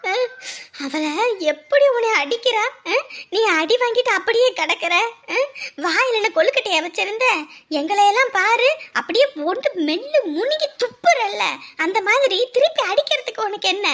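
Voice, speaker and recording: A woman's voice: very high voice, lively intonation, moderate pace, a bit bright. An actress playing a fierce, protective village grandmother who scolds and exclaims in rural colloquial speech. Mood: scolding. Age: older. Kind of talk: TV serial acting.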